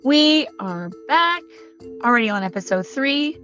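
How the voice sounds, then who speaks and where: A woman with a hoarse, croaky, slightly squeaky voice, chatting enthusiastically through a podcast intro. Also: very animated, measured pace. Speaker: podcast host. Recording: dull lo-fi sound with soft music. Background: faint background music.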